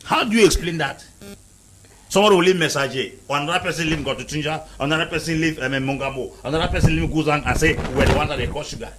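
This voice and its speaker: Over a noisy background, a Cameroonian panel guest lectures emphatically, restating his points again and again during a fierce debate. His voice is a little high and quick.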